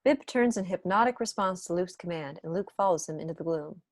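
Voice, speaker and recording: A young adult woman narrates the stage directions in an online table read, speaking from a small room at home through wired earphones on a video call. Her voice sits on the low side and moves briskly. The recording is dry and of studio quality.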